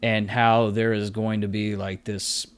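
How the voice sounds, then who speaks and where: A man guesting on a casual podcast, who rambles and trails off between sudden excited bursts. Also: on the low side, a little slow, noisy background. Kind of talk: casual chat.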